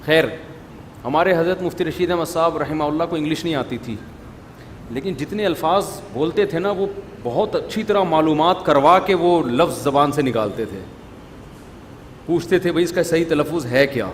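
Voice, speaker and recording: A middle-aged male preacher, talking in a conversational, scolding way full of rhetorical questions. His voice sits a little high for a man. The recording carries a long hall reverb and a faint murmur of room noise. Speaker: religious scholar, preacher. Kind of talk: informal religious talk to an audience.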